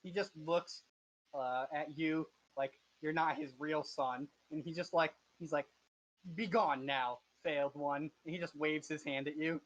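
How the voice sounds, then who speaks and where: Brief: game master, hesitant and filler-heavy, somewhat high voice, dull lo-fi mic. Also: male voice, steady tone, moderate pace. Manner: hesitant explaining, many fillers. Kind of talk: running an online tabletop game.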